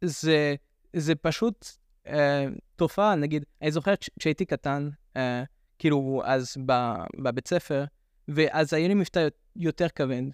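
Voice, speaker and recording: Male podcast guest, young, French accent, casual talk; slightly high, clean resonant voice. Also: smooth, no echo, studio quality. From French immigrant raised in Netanya, Israel. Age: young adult. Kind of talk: casual chat.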